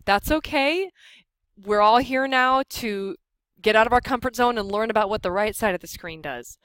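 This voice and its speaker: A woman's voice: fairly high pitch, moderate pace, fairly bright tone, smooth, no echo. American woman teaching, close dry sound. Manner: conversational, explanatory. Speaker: workshop instructor. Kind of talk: informal software tutorial for a live group.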